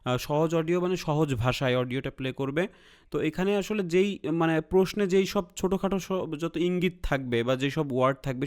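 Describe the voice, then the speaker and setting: A man with a Bangladeshi Bengali accent teaching an IELTS listening lesson, checking in often with his viewers and mixing English terms into his talk. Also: on the high side. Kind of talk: explanatory lesson.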